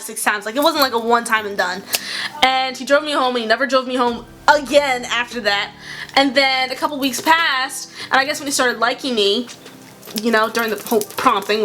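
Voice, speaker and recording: A young woman chatting casually, telling a storytime tale with quick asides and frequent laughs. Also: a little high, pushed and bright. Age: young adult. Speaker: YouTuber.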